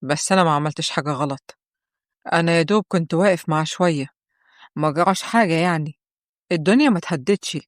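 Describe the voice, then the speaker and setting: A woman's voice: deep voice, fast, pauses often, no echo, clean studio sound, close to an everyday voice. A woman with an Egyptian accent voicing a sulky, defensive teenage boy in a told story. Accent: Egyptian Arabic. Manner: sulky, protesting.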